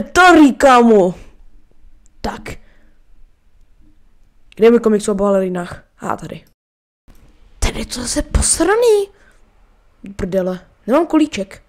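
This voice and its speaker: A woman voicing a bumbling, crude male handyman in a comedic fan dub, swearing and bickering. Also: high voice.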